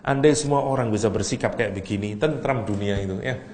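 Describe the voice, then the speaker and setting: Male preacher, lowish voice, teasing lecture with arabic verses, echoey room. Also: brisk. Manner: lively, teasing, with Arabic recitation. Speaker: Islamic preacher. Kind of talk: religious lecture. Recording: echoey hall, faint room noise.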